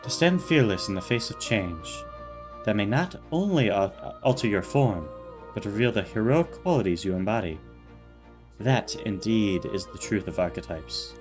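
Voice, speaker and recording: A man voicing a courtly older male scholar who speaks formally and in a measured way. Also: lowish voice, expressive, over music, lightly acted. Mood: solemn. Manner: formal, measured, slow in places.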